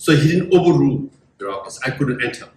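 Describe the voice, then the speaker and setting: A man's voice: medium pitch, racing. A middle-aged man giving a motivational talk to a live audience, telling stories animatedly and acting out the voices he quotes. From Tibetan. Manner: animated storytelling, acts out quoted voices, asks the crowd questions. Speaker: guest speaker. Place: large room with a live audience. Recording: roomy echo, voice from a distant mic.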